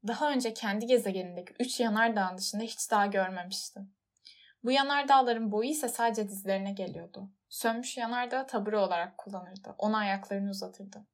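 A woman's voice: mid-range voice, brisk. Woman reading a storybook aloud. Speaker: audiobook narrator. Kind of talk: scripted storybook narration.

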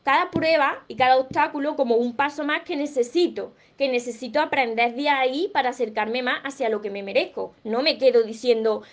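A woman with a Peninsular Spanish accent hosting a live stream, answering viewers with earnest encouragement and often clearing her throat. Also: sits high, brisk, hardly any pauses. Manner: earnest, encouraging, reads viewer comments aloud. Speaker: livestream host, self-help speaker. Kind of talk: live Q&A, motivational talk.

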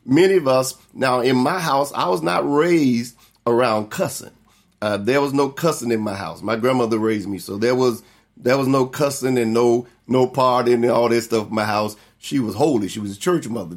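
A middle-aged man, a pastor teaching a Bible study and telling a folksy personal story, acting out relatives' words. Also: mid-range voice.

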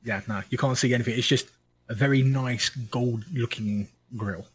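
Ein Mann aus England mit englischem Akzent, der selbstironisch und verspielt im Podcast plaudert. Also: male voice, mid-range voice, fairly even intonation, moderate pace, slightly rough. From United Kingdom. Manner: self-mocking and playful. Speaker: podcast co-host and streamer. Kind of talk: casual podcast chat.

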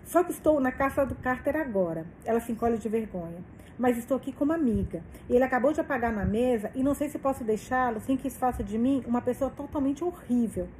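A woman's voice: a little high, fast, a little mellow, a little hiss or hum, rough recording. A woman reading a novel aloud, reacting emotionally and swearing between passages. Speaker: book reader.

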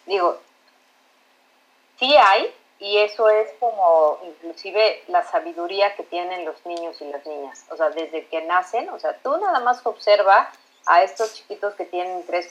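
A woman's voice: fairly low pitch, lo-fi sound. A woman explaining emotional education in conversational talk, acting out quoted dialogue.

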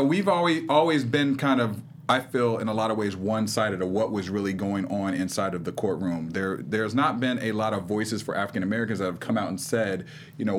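A man hosting a casual talk show panel, steering the talk and introducing story segments. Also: lowish voice. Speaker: host. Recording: faint background noise.

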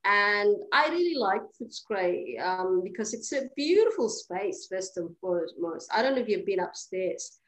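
Speaking from home during lockdown, an Eritrean woman in her thirties who founded a cleaning business joins a podcast interview as a guest in casual conversation. Her medium pitch shows big swings at a normal pace, and the audio is poor. She sounds hesitant, with frequent restarts, plenty of fillers, and easy laughter.

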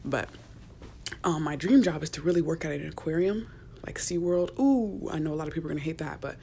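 A young woman hosting her own podcast, chatting in a soft, rambling way with many fillers and restarts, sometimes dropping to a whisper. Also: low-pitched, brisk, creaky, a little hiss or hum. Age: young adult. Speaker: podcast host. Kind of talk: casual solo podcast rambling. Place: small enclosed room at work.

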